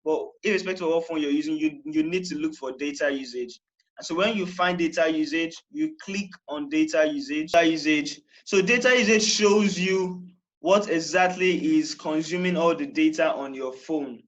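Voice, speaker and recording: A man's voice: fairly high pitch, normal speed, muffled recording. A young man from Nigeria giving a chatty how-to lesson, often saying "all right" and repeating himself. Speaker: tech tutorial host. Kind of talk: casual how-to explanation.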